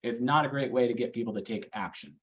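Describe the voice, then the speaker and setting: A man coaching a real estate team, telling a lively story and quizzing the room as he teaches. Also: mid-range voice, fast. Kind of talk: training talk to a small team.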